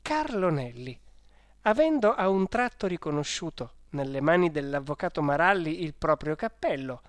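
An audiobook reader narrating a first-person diary story in a measured, even manner. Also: medium pitch, dry recording, studio quality. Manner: slow, measured, even reading.

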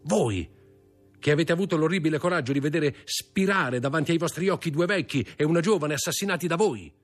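A man's voice: fairly low pitch, animated, moderate pace, husky, faint music behind. A man reading an audiobook, voicing a stern magistrate who coldly accuses his wife. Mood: cold accusing. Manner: cold, accusing, contemptuous.

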